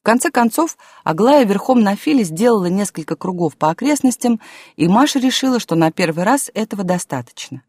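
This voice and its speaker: Calm woman reading a fairy-tale audiobook. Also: mid-range voice, a little fast, no room sound, studio quality. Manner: calm, storytelling, softens to a hush in quiet scenes. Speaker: audiobook narrator. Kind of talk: scripted audiobook narration.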